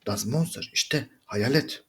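Man reading German slowly, translating briskly. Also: mid-range voice, a bit bright. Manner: reads German slowly, then translates in quick conversational asides. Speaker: German teacher. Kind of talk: reading a German reader aloud and translating line by line.

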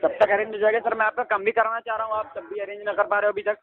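A man's voice: high voice, flat delivery, racing, no echo. A man working as a loan recovery agent, pressing a caller for payment on a phone call in a pushy, mocking way. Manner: pushy, turns abusive and mocking. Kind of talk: heated phone argument. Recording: tinny phone line, faint noise.

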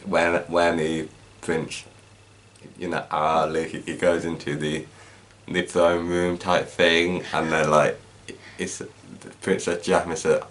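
A man with an extremely deep voice, talking slowly and haltingly. He chats casually about a film, restarting phrases and filling gaps with "um" and "like.". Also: flat delivery, fairly bright tone. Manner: halting and hesitant, with restarts and fillers. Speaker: host. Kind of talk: casual chat reviewing a film.

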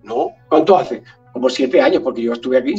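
A man from Galicia, Spain, a guest telling an anecdote in an animated way and acting out the dialogue. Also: medium pitch, a little fast, recorded from a distance, dull audio, faint music behind. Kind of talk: storytelling anecdote.

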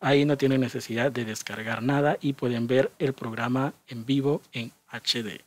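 A man's voice: mid-range voice, fairly even intonation, normal speed. A young man casually commenting on a reality show and asking his viewers for their opinions.

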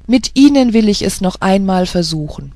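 A reader voicing a shy, gentle young female fairy-tale spirit in an audiobook, speaking in a timid, pleading way. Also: mid-range voice, expressive, moderate pace, no echo, clean studio sound, close to an everyday voice. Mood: moved.

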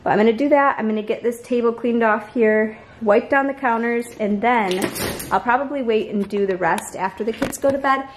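A woman's voice: a little high, a little fast, background noise. A young woman in her twenties, a stay-at-home mom, narrating her day casually to a handheld camera at home. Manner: chatty, matter-of-fact, talks to her children in between. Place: home, backyard and kitchen. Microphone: handheld camera mic.

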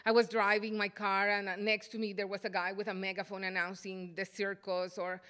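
A middle-aged woman from El Salvador gives an artist's lecture at a podium microphone, thoughtful and halting with frequent fillers. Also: mid-range voice, little pitch movement, fairly bright tone, clean tone. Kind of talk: lecture presentation.

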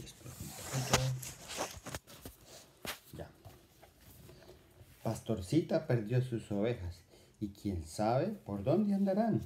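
A man's voice: medium pitch, warm tone, a little hiss or hum. Playful man reading a children's poem. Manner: playful, exclaiming, talks to young listeners. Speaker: children's storyteller. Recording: roomy echo.

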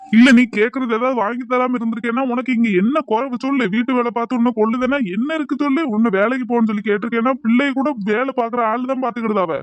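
A man's voice: extremely high pitch, fairly even intonation, fast, dry recording, dull audio. A man voicing an angry accusing husband. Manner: scolding, contemptuous. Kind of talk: cartoon voice acting.

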